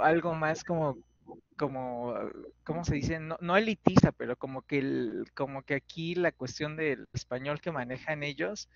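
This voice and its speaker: A young Mexican man, a student, answers his teacher hesitantly, filling gaps as he hunts for the right words. His voice is gravelly and a bit high for a man. The audio is dry and dull, like a laptop mic on an online class. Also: dry recording. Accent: Mexican Spanish. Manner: hesitant, searching for words with many fillers. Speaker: university student.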